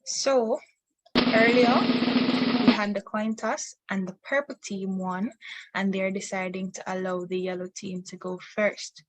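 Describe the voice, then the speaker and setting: A woman's voice: mid-range voice, steady tone, a little slow, a little hiss or hum, poor audio. Young woman hosting a student quiz. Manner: formal, reads questions aloud. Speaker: quiz host.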